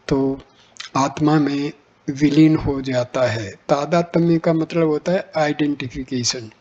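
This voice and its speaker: A man with a somewhat high voice reads spiritual teachings in a slow, measured way. His pitch barely moves, so the reading sounds even and steady. The recording is dull and lo-fi.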